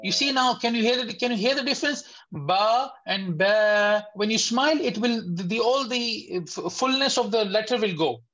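A man teaching a beginners' lesson online, patiently correcting students and slowly demonstrating each sound. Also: very high-pitched, sharp tone. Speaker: Tajweed teacher. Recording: slightly dull lo-fi audio.

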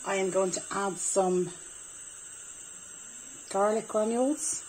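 A woman's voice: medium pitch, slow, noisy background. A woman in her forties with an Irish accent, chatting casually as she cooks and explains each step in her home kitchen. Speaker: home cooking vlogger. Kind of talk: casual cook-along talk. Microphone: camera on the worktop.

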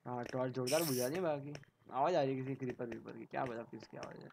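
Excitable man commentating a game. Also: mid-range voice, fast, vocal fry. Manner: excitable, frequent exclamations. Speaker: gaming channel host. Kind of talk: casual gaming commentary. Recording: noisy background.

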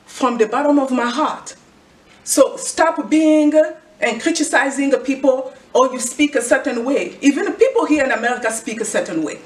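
Her voice sits high as this middle-aged Congolese fashion vlogger and clothing designer preaches an earnest motivational message to camera, returning often to a rhetorical question. She speaks with a Congolese accent and comes from the Congo, Central Africa. The audio is echoey, taken by a far camera in an indoor room where a clothing rack stands.

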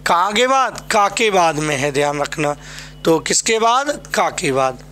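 A man's voice: fairly high pitch, lively intonation, measured pace, pushed and bright, slight background noise. A male teacher from Uttar Pradesh giving an exam-prep Hindi lesson, drilling students by asking a question and then answering it himself.

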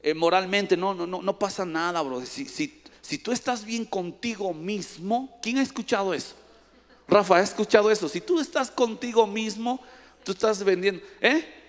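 A male pastor preaching a lively sermon, teasing and calling on people in the congregation by name. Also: high-pitched, normal speed. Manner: playful, teasing, calls on audience by name. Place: large church hall. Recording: long echo of a church hall.

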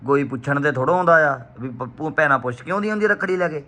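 A man's voice: fairly high pitch, fast, pushed and bright. A man with a Punjabi accent chatting casually in a family vlog at home, coaxing and consoling his relatives and repeating himself. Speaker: vlogger filming his family.

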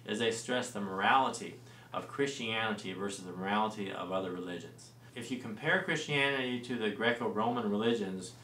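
A man in his forties explaining early church history in a studio discussion, relaxed and full of fillers and restarts. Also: on the low side, fairly quick. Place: small studio set with lamp and plants. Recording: roomy and distant-sounding with faint noise.

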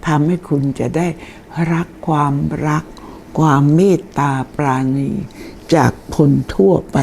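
An older woman giving a chatty, informal lesson on deity names, explaining slowly and reading names aloud. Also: low-pitched, steady tone, darkish tone, slight background noise.

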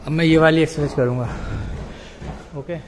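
A man's voice: a little high, fairly even intonation, moderate pace. Chatty young man vlogging on a phone. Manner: chatty, addresses viewers as friends. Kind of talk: casual vlog narration. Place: apartment complex gym and game room, indoors and outdoors. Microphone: phone camera held at arm's length. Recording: noisy phone recording.

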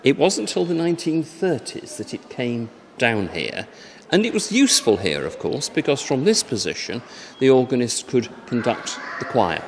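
Lively-voiced older Englishman giving a tour. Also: medium pitch, moderate pace, a little hiss or hum. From England. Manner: warm, enthusiastic and descriptive, with lilting emphasis. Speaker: church organ guide. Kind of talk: guided tour talk. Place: large church interior with organ. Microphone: handheld microphone.

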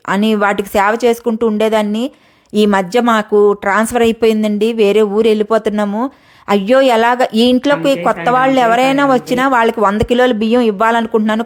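Middle-aged woman, personal vlog, fairly high voice, tearful and heartfelt, talks straight to camera. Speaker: vlogger.

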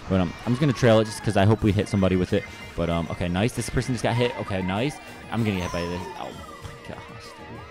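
A young man giving live gameplay commentary, hyper and full of slang, constantly addressing his viewers and bursting into high yelps. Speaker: gaming channel host.

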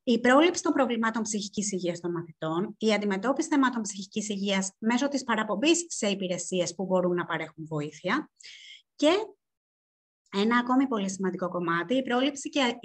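A woman presenting research findings at an online seminar, speaking in a measured way with frequent hesitations. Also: mid-range voice.

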